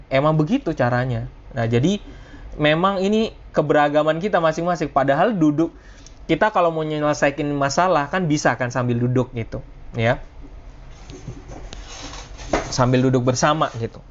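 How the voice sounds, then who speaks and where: A man teaching a class live over a video call, with a mid-range voice. He talks casually and often stops and restarts his sentences. The audio sounds dull and lo-fi. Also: medium pitch. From Indonesia. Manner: casual, conversational teaching with frequent fillers and restarts. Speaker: lecturer. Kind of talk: live online lecture.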